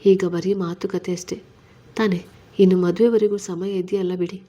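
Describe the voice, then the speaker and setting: A woman's voice: fairly low pitch, little pitch movement, moderate pace, mellow, lo-fi sound, close to an everyday voice. A woman reading a story, voicing a caring young wife who coaxes and soothes her husband. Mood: coaxing.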